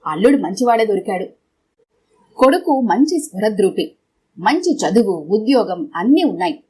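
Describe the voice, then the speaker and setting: A woman narrating an audio story in a steady, measured reading. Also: mid-range voice, slight background noise.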